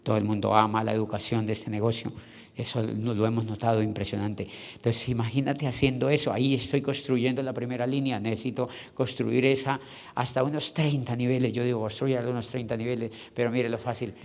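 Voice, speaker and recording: Male seminar speaker, animated and loud at times, gravelly tone, reverberant hall. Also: medium pitch, brisk. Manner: animated, acts out dialogues, loud bursts. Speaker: motivational business speaker. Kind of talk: energetic seminar talk. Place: large convention hall.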